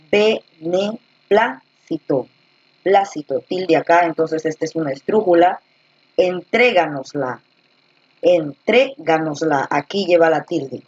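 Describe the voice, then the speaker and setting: A woman teacher with a fairly low, husky voice explains patiently in an online class, slowly repeating words to stress their syllables. The sound is dull and dry, like lo-fi video call audio. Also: a little mellow, dry recording. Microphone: computer or headset mic on a video call.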